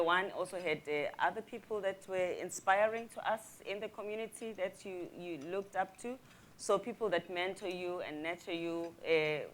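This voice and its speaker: A woman with a lowish voice speaks as a panel guest. She is reflective and deliberate and pauses often on soft fillers. A faint room hum runs under her words. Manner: reflective, slow with many uh fillers. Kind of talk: panel discussion on stage.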